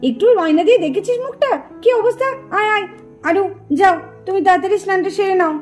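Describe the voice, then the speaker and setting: A woman's voice: extremely high pitch, lively intonation, fast, a little mellow, faint music behind. A woman voicing a fussy young mother in a puppet cartoon, scolding and exclaiming. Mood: fussing.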